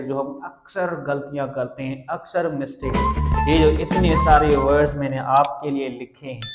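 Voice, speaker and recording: A man with a somewhat high voice teaches a classroom lecture, saying each word several times and spelling it out letter by letter. The room rings with a long, echoey reverb around him. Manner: repeats words slowly, spelling letters aloud. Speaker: English teacher.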